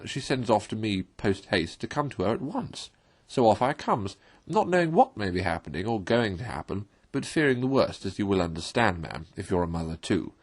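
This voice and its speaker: A man's voice: medium pitch, slightly rough, full character voice. A man voicing a sly toad who poses as a troubled washerwoman, wheedling in rustic turns of phrase in a read-aloud storybook. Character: Toad, sly boastful animal posing as a distressed washerwoman.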